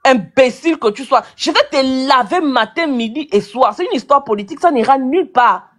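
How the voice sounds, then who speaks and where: A woman's voice: high voice, lively intonation, moderate pace, fairly bright tone. A woman in a heated online rant, hurling insults and repeating her accusations. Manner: insulting, combative, repetitive name-calling. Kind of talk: angry live-video rant.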